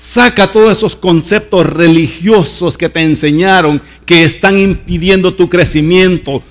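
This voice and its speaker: A man preaching a sermon as pastor, emphatic and lively, acting out voices from the story. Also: sits high.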